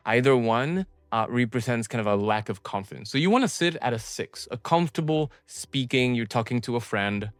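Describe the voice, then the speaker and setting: A man's voice: medium pitch, expressive, fairly quick, few pauses, no echo. A man hosting a sales course, recapping a lesson in a casual way with many filler sounds. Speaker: course host.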